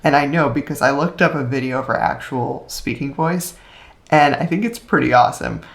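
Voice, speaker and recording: Chatty woman podcast host with gravelly fry. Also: a bass voice, brisk. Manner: chatty, laughs often, uses fillers. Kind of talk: casual film discussion.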